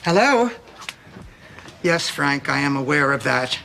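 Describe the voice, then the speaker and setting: A deadpan, deep-voiced sitcom lady. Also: takes it slowly, vocal fry, exaggerated voice. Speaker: sitcom character. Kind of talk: sitcom acting. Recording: noisy track, loud audience laughter. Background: studio audience.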